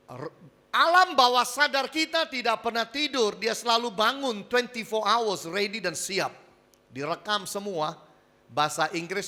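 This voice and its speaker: A male pastor delivering a sermon in a high, bright voice. He moves between soft, confiding asides and loud, emphatic declarations. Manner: lively preacher, swings from loud emphasis to quiet asides. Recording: church hall with reverb.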